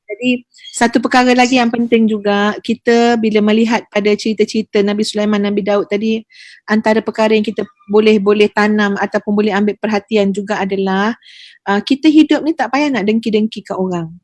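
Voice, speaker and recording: A woman's voice: medium pitch, a little fast, no echo. A woman religious teacher, telling stories with feeling in a podcast chat. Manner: lively storytelling, lively with emotion.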